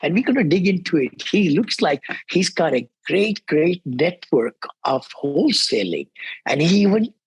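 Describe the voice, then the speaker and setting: A man's voice: a little high, big pitch swings, moderate pace, husky, no echo. A man from India hosting an interview, enthusiastic and chatty, often calling his guest "brother". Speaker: podcast host. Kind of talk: conversational interview.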